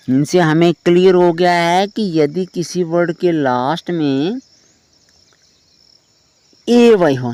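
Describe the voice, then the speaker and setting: A man teaching pronunciation at a very slow, deliberate pace, spelling each word letter by letter before saying it. His voice sits a little high for a man and sounds close and dry, with faint insects chirping behind. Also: darkish tone, no echo. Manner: slow, spells words letter by letter, asks "clear?". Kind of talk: explaining English spelling rules.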